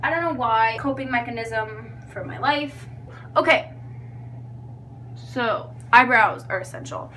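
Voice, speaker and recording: A young makeup tutorial vlogger gives a casual, chatty tutorial, loose, tipsy, giggly and poking fun at herself. Her voice is on the high side and sharp in tone, at a measured pace with long pauses. The mic is distant, picking up background noise and hum.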